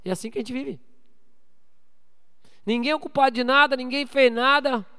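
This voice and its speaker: High-voiced pastor preaching. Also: male voice, moderate pace, smooth, in a large hall. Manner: preaching with call-and-response to the congregation; swings between loud exhortation and low quiet asides. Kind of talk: sermon.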